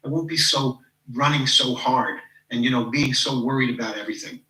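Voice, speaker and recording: Brisk and forceful, with a bright mid-range voice, a coach in his fifties is heard from a distance in an echoey room on a low-quality recording. He is a podcast guest in a casual interview, reflecting on personal stories, saying "you know" often, and imitating the people he quotes.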